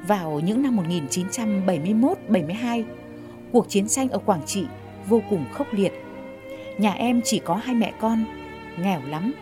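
A woman reading a story aloud in a calm, measured way. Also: mid-range voice, music in the background. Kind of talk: scripted narration.

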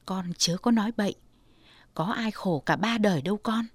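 A woman voicing a weary, hardworking mother in her forties who speaks low and tenderly. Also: normal speed, no echo, natural voice.

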